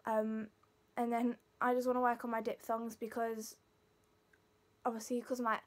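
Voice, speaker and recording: Speaking at a normal speed with little pitch movement, a young adult woman demonstrates vocal warm-ups to camera. She's a singing student with a Leicester accent, her slightly high voice explaining the exercises informally.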